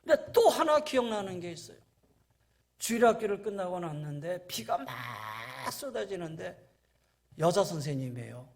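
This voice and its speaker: A man's voice: sits high, very animated, normal speed, vocal fry. A middle-aged man preaching a sermon in a church, telling stories and acting out the voices of the people in them. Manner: storytelling, acting out quoted voices, rising to emphatic peaks. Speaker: pastor. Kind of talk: sermon with anecdotes. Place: church sanctuary.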